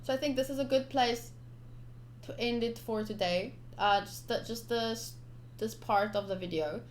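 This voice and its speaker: In her live visual novel stream, a woman reads lines aloud and chats through her expressive reactions. Her voice runs a little high at normal speed, and there's a little hiss or hum in the audio.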